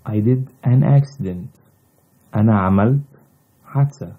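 A man whose native language is Arabic, teaching a language lesson in deliberate, halting short phrases on a slightly dull recording. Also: deep voice, fairly even intonation. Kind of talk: slow instructional language lesson.

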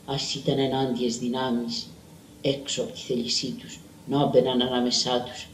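A man giving a measured, dramatic literary reading of a story. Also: mid-range voice, flat delivery, a little hiss or hum. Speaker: reader. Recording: roomy and distant.

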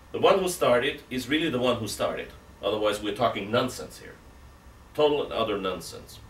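A man's voice: medium pitch, a bit bright. A middle-aged man, a priest, giving a seated catechism talk, reasoning aloud with emphatic rhetorical questions and gesturing with both hands. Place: indoor room with armchair. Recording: roomy, distant from mic, faint hiss.

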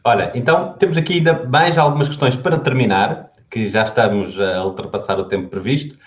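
A man's voice: mid-range voice, fairly quick. A man with a European Portuguese accent hosting an online hangout, reading out questions with many hesitant fillers. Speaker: host. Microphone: video call. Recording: roomy dull video call audio.

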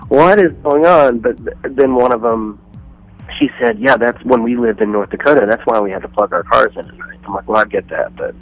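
A man's voice: medium pitch, fairly quick, no echo, rough recording. A man calling in over the phone as a touring musician guest, rambling through stories and acting out what people said to him. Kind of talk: casual radio phone interview.

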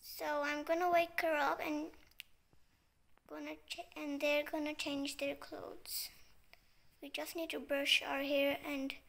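A woman chatting casually as a vlogger, talking in a sleepy way and often dropping to a hushed near-whisper. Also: high-pitched, level tone, gravelly. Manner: slow and sleepy. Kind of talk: casual vlog narration.

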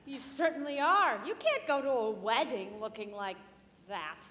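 An actress playing a tipsy, languid older chaperone, delivering her lines in a droll, drawn-out way. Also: fairly high pitch, animated, fairly bright tone. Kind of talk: live stage musical acting. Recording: reverberant theatre hall.

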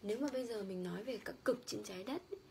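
A woman from Vietnam, an English lecturer, teaching a vocabulary lesson. She explains word stress and meanings, and reads English quotes out slowly. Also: mid-range voice, creaky, warm tone, a little hiss or hum.

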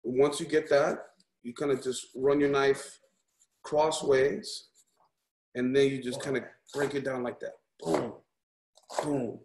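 This man speaks slowly, pausing often, in a steady, somewhat mellow mid-range voice. Running an informal cooking class, he's upbeat and chatty, encouraging listeners with frequent "right?" and "okay?" check-ins; the recording has echo and background noise.

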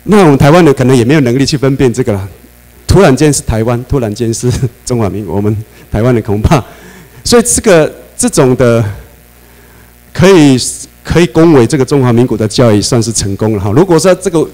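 A man with a Taiwanese Mandarin accent lectures a class in an animated way, throwing questions at his listeners and laughing between points. His voice sits at an ordinary middle pitch, and a steady mains hum runs under the recording. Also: a little fast, low-quality recording.

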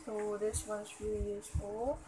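A woman's voice: medium pitch, little pitch movement, normal speed, background noise. A young adult woman with a Filipino accent, chatting casually as a vlogger in a haul video, recorded in a small room at home. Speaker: vlogger showing shopping haul.

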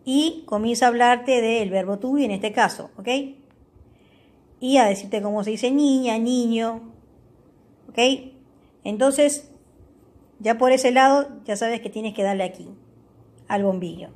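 A woman hosting a tutorial, walking viewers step by step through a language-learning app and pausing often to check they follow. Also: fairly high pitch, darkish tone. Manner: reads English words aloud for the viewer. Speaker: tutorial host.

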